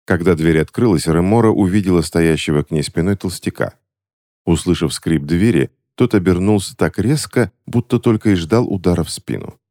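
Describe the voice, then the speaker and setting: A man narrating a fantasy novel as an audiobook reader, with expressive storytelling. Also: low-pitched, normal speed, dry recording, studio quality.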